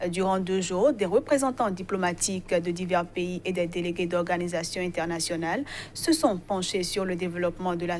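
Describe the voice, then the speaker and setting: Lady news anchor, crisp formal headlines, bit of noise in the back. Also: fairly low pitch. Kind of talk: news presenting.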